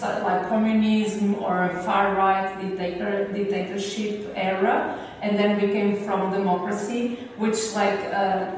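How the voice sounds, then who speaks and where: A woman with a native Portuguese speaker's accent answers interview questions in an informal, reflective way. Her mid-pitched voice comes from some distance, with strong echo around it. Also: darkish tone. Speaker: visual and performance artist being interviewed. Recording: echoey hall, distant mic, faint noise.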